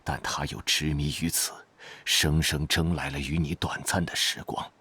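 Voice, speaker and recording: An ancient, reproachful mystic spirit speaks in an extremely low, husky voice. The delivery is solemn and archaic, full of weary gravity, in a close, dry audio drama recording. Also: male voice, little pitch movement, pushed and bright, no echo, full character voice. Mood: solemn, grave. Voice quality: raspy, breathy bass. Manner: slow, sighing, archaic wording.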